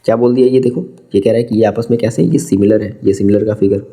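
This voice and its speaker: A man's voice: on the low side, fairly even intonation, fast, dark tone. A male math teacher, explaining a geometry lesson step by step and quizzing his students. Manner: mixes Hindi with English terms.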